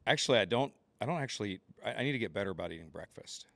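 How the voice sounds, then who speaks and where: A man's voice: fairly low pitch, animated, racing, gravelly, a bit bright, dry recording. An American man in his late thirties, a podcast guest, trading playful jokes in casual chat. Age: 30s. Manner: joking, playful banter.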